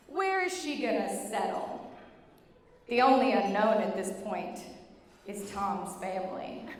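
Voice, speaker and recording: A young woman with a high voice delivers a funny maid of honor speech at a slow, deliberate pace. She tells her jokes in an animated storytelling way. The sound is echoey, with noticeable noise in a big room. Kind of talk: humorous prepared wedding speech. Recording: echoey reverberant hall with clear noise.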